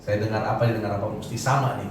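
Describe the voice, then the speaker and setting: A man's voice: fairly low pitch, fairly even intonation, rapid-fire, noisy background. A middle-aged man preaching a sermon as pastor, telling stories casually and acting out quoted voices. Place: church hall. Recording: echoey hall, voice from far off.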